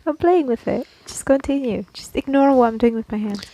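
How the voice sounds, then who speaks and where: Her voice is on the high side, brisk and dark-toned, with slight background noise. She co-hosts a casual podcast, arguing back in banter with her co-host and now and then letting slip a mild swear word.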